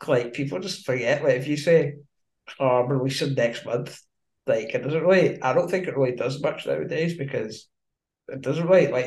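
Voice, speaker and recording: A man's voice: medium pitch, a little mellow. A man with a broad Scottish accent hosting a podcast in an informal, matey, slangy way. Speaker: podcast host. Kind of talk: casual interview chat. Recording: echoey room sound.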